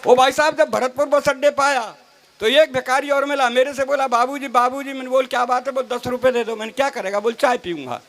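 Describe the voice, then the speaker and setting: A man's voice: very high voice, fairly even intonation, fairly quick, a bit bright. A man reciting comic poetry on stage, telling stories with mock dialogue and teasing his fellow poets. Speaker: stage comedy poet. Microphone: stage microphone. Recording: live crowd behind the voice.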